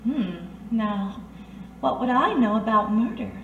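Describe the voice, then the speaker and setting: An actress voices a high-pitched, worldly 1930s working woman who is blind and knows the underworld's secrets, coaxing and soothing with coy, unflappable poise. The scene is old-time radio detective drama, delivered with lively intonation at a slightly slow pace. The amateur recording is roomy and distant from the mic, with narrow, tinny audio and faint noise.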